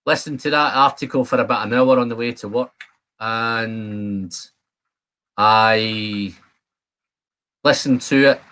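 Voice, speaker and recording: Speaking slowly and pausing often, a Scottish host in his fifties talks casually to his live stream viewers and addresses them by name. His voice is medium in pitch with a sharp tone.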